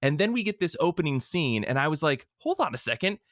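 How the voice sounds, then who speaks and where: Rambling through jokey casual chat, this podcast host keeps interrupting himself mid-sentence. He talks fast and very animatedly in a high-ish, fairly bright voice, with a dry, studio-quality recording.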